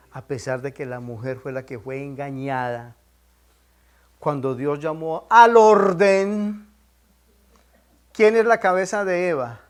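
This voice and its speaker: High-voiced man teaching a Bible class. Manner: quizzes listeners with prompting questions; emphatic, repeats key points.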